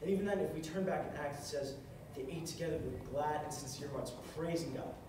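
In a large carpeted hall, a young man at a music stand on stage preaches a short sermon with earnest conviction, repeating phrases for emphasis. His voice is fairly high and brisk. Taped from far back by a camera across the room, the audio is echoey and hissy.

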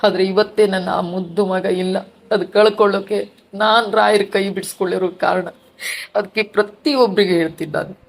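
A middle-aged woman giving an emotional personal testimony about her loss, grieving, repeating words and restarting her sentences. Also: medium pitch. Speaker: devotee sharing her testimony.

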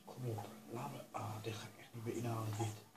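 A man giving casual commentary over his own racing game, talking to himself and urging himself to stay calm. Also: lowish voice, brisk, echoey room, low-quality recording. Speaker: gaming YouTuber.

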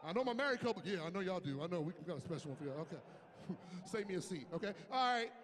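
A man emceeing a comedy night, rousing the crowd as he brings on the next act. His voice is strikingly high for a man and trails a long reverb through the hall, and his talk stays hyped and punchy. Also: expressive, fast talker, a little hiss or hum. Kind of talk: hype-up introduction. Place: comedy club.

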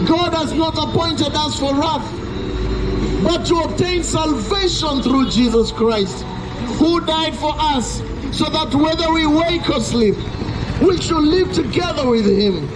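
Fervent Kenyan street preacher, high voice. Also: male voice. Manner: fervent, repeats phrases for emphasis, pleading. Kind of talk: open-air street preaching. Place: outdoors on a city street at dusk. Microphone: handheld microphone through a small speaker. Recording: echoey outdoor sound with music and traffic behind.

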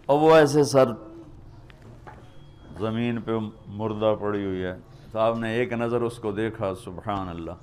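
A man preaching an emotional sermon, telling stories with passion and stretching his phrases slowly at key moments. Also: lowish voice, a little mellow, a little hiss or hum. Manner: impassioned storytelling, drawn-out pleading phrases.

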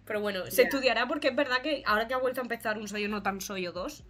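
A podcast co-host with a Spanish accent chats casually, her voice a little high and racing. She's expressive and playful and laughs often.

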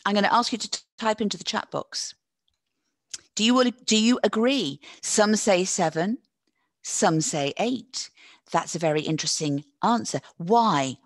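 A woman's voice: mid-range voice, dry recording. A woman presenting a live online teacher-training webinar, encouraging her audience and praising their chat answers with a teacherly delivery that draws out stressed words.

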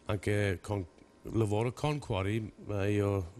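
A man in his forties, a native English speaker with English-accented Italian, speaking haltingly in a studio interview as a rugby coach and searching for words. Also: on the low side, steady tone, a little mellow, slight background noise. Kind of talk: television interview. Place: television studio.

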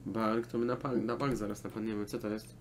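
A man's voice: lowish voice, level tone, a little fast, slight background noise. A young Polish man giving casual, sweary commentary while he plays a video game. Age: young adult. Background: game music.

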